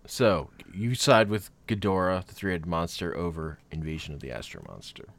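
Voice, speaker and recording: A man co-hosting a casual chat about films, talking animatedly and jumping into excited mock voices. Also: low-pitched, normal speed. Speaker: podcast co-host.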